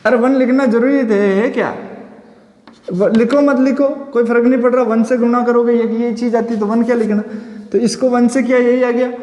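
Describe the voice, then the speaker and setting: A man teaching physics in a classroom lecture, asking and answering his own questions and slowing down to spell out formulas. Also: extremely high pitch, fairly even intonation, a little mellow. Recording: echoey room with long reverb.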